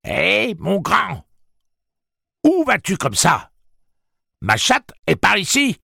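A man with a gravelly voice voicing a fierce, defiant young woman in an audiobook, pushing his voice high and shouting her lines. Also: wildly swooping pitch, slow, no room sound, studio quality, full character voice. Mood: taunting.

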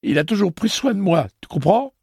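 A man voicing a distraught, frightened young man who sobs and pleads in a shrill voice. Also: big pitch swings, slow, slightly rough, no room sound, studio quality, exaggerated voice. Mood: sobbing.

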